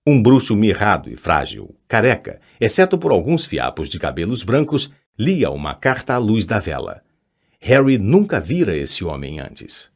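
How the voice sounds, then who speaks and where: A man reading a chapter of a novel aloud as narrator, with expressive storytelling delivery. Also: fairly low pitch, normal speed. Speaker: audiobook narrator. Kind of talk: scripted narration.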